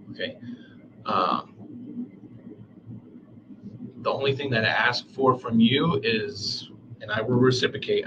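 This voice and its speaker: A middle-aged man questioning a suspect in a small police interview room, slow, calm and measured. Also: medium pitch. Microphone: room camera from across the room. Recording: dull room audio with steady hiss.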